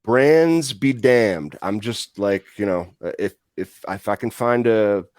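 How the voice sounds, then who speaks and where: A man's voice: fairly low pitch, fairly even intonation, a little slow, darkish tone, no echo. A man co-hosting a podcast, chatting casually in a joking, rambling way with lots of fillers and restarts. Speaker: podcast co-host. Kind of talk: casual chat.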